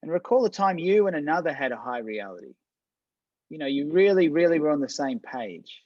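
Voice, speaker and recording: Very animated and fairly quick, a man with a fairly high voice presents an online business workshop casually. He restarts sentences, repeats words, and checks in with listeners often. The recording is dry and lo-fi.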